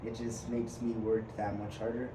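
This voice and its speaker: A man's voice: on the low side, flat delivery, normal speed. A twenty-one-year-old man from Uganda, a podcast guest talking casually, chatty and hesitant with lots of fillers and restarts. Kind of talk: casual conversation. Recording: echoey room with background noise.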